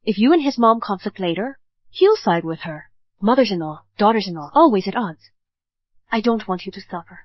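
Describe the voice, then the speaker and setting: A woman dubbing a calm, protective mother who earnestly advises her daughter. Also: medium pitch, moderate pace, dry recording, natural voice. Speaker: bride's mother. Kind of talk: English drama dub. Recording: dull dry studio dub.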